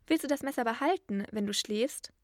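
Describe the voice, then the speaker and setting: A woman's voice: on the high side, brisk, darkish tone, no echo, studio quality, close to an everyday voice. A woman doing a timid little girl. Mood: anxious. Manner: fearful, pleading.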